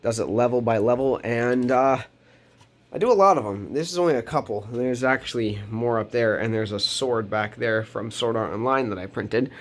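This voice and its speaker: With a mid-range, expressive voice at a moderate pace, this teenage boy rambles through a casual bedroom vlog. He's nasal from a cold he's recovering from, full of ums and restarts, and shifts around the camera mic as he talks.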